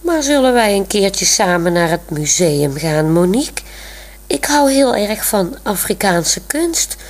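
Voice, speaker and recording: Shy, stammering young man in love, read by a woman, husky, slow. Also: mid-range voice, very animated. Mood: eager. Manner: hesitant, eager.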